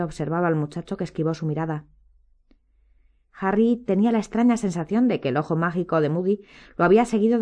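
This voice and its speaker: A woman narrating a storybook aloud at an even, measured pace. Her voice sits on the lower side and stays restrained between the character voices. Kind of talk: audiobook narration.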